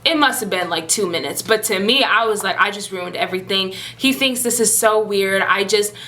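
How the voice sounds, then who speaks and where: Bright-voiced young woman telling her story. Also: moderate pace. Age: 20s. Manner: chatty, animated, acts out quoted lines with pitch jumps. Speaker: vlogger. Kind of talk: personal storytelling vlog.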